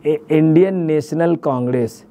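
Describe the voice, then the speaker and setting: Gravelly-voiced male political commentator. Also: a little high, a little slow, dark tone. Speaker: senior journalist, political analyst. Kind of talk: news studio political commentary.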